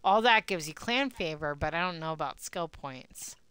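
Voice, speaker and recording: A woman live-streams a game and chats in a rambling, giggly way, sounding sleepy. Her voice is bright and smooth, and it sits a little low. Faint game music plays underneath. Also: animated, moderate pace. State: sleepy, yawning. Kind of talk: casual live-stream chat while gaming.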